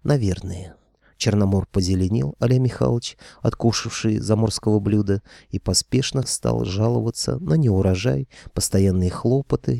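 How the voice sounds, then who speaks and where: A man's voice: fairly low pitch, vocal fry, dark tone, no echo, clean studio sound. A man narrating a wry first-person fairy-tale audiobook.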